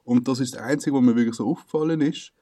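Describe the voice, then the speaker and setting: Young Swiss German guy, relaxed dark tone, animated slangy banter. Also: mid-range voice, fast talker. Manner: animated, slangy storytelling with laughs. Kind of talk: casual chat.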